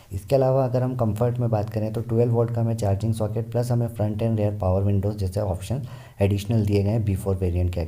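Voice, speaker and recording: A man's voice: lowish voice, dark tone. A man explaining car variants in a car review, steadily listing features one by one.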